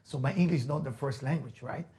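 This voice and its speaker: Speaking fast in a warm, mid-range voice, a rabbi, teacher and motivational speaker lectures with emphasis, repeating his key lines and asking rhetorical questions. He has an Israeli accent and is a native Hebrew speaker.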